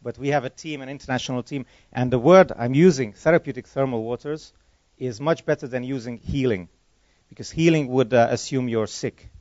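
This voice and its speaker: A man answers questions at a conference in a medium-pitched, darkish voice, speaking fairly quickly with no echo. He's a native Hungarian speaker who chats, rambles and corrects himself as he goes. The recording is dull and lo-fi.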